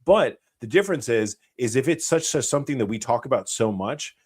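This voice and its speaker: A man's voice: medium pitch, lively intonation, a little fast, slightly rough. An American man hosting a live Q&A stream, talking bluntly and rambling, with heavy swearing. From United States. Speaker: channel host, former special operations soldier.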